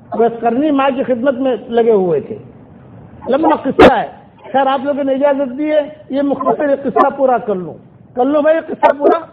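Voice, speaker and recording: High-voiced man preaching over a tinny line. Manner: retells stories with quoted dialogue, rising to emphatic repetition. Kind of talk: Friday sermon storytelling. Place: mosque. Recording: tinny phone-like sermon recording with faint hiss.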